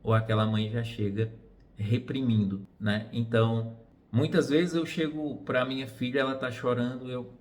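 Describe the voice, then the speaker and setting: A man's voice: mid-range voice, steady tone, normal speed. A man with a Brazilian Portuguese accent who speaks as a psychotherapist, giving an earnest, reflective talk and asking rhetorical questions.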